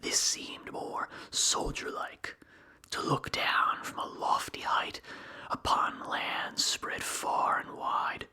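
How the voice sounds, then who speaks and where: Someone whispers a philosophical passage ASMR-style, breathy yet pushed and bright. The reading moves in deliberate, measured phrases with short gaps between them.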